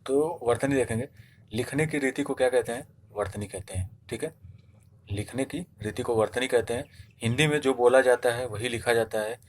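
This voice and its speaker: With a little hiss or hum behind him, a Hindi teacher speaks at normal speed in a mid-range voice during an online spelling lesson for exams. He goes step by step, asks and answers his own questions, and leans heavily on "theek hai."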